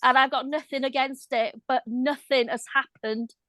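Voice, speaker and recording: Here's a Welsh woman caller with a fairly high voice and a dry, close sound. She chats warmly and earnestly, sounding tearful and speaking straight from the heart. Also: steady tone, normal speed, no room sound. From Wales. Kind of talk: casual video-call chat.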